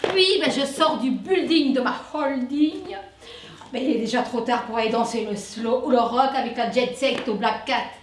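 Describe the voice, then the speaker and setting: Chatty high-voiced woman. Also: normal speed. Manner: chatty, folksy. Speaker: sketch performer. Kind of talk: comic stage monologue. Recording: echoey room from far off, faint noise.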